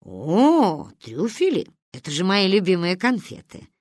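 A commanding old grandmother with a booming, gruff voice and a dry, mocking edge, put on by a woman reading a storybook aloud. Her voice leaps through a wide, lively range, and the recording is close and dry with no room sound. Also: measured pace, no room sound. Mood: gruff teasing. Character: stern booming old grandmother, sharp-tongued.

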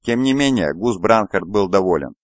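A male audiobook reader narrates in a low, steady voice. The sound is dry and close, with a slightly dull, lo-fi tone. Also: moderate pace, dry recording. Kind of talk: scripted narration.

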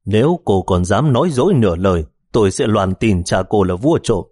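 A cocky young cop speaks in a low, easy, teasing voice, as a male storyteller puts him on. The sound is close and dry, like a home audiobook read. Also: expressive, brisk, mellow, husky, no echo.

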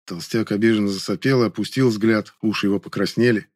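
A man's voice: on the low side, fairly even intonation, fast, darkish tone, no room sound. A man reading an audiobook with dry, ironic storytelling. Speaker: narrator. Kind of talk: audiobook narration.

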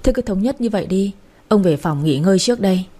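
A woman voicing a kindly, authoritative old grandfather who settles matters calmly, in a storybook reading. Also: mid-range voice, quick pace, close to an everyday voice. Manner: calm, settled, decisive.

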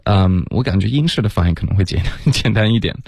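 A man teaching English pronunciation on a radio lesson, slipping English words into his talk and saying words over slowly. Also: lowish voice, expressive, creaky, darkish tone, breathy edge, no echo.

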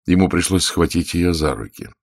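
Very deep, gravelly male narrator. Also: animated, normal speed, no echo, clean studio sound. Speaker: audiobook reader. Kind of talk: audiobook narration.

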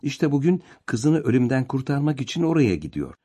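A man's voice: mid-range voice, very animated, brisk, mellow, slightly rough, pitched above the performer's own voice. A man voicing a desperate, anguished young man. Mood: bitter. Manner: strained, choking with despair.

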